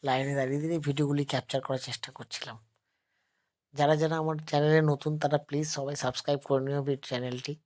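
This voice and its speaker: Male vlogger, sore throat, soft and unhurried, flat even delivery, phone-recorded. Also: medium pitch. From West Bengal, India. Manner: speaks slowly and softly, addressing viewers as friends. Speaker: travel vlogger. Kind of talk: casual vlog narration. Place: temple grounds. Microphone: phone held while filming.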